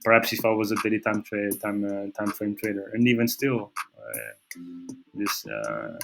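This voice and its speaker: Over background music, a native Portuguese-speaking man with a Portuguese accent hosts a trading channel, walking through charts in a screen-share market analysis full of fillers and restarts. His voice is fairly low and creaky, at a moderate pace.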